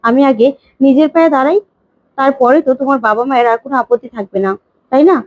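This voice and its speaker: A woman's voice: high-pitched, fast, dry recording, muffled recording, lightly acted. A woman voicing a young adult son, a hopeful music student, who talks reassuringly.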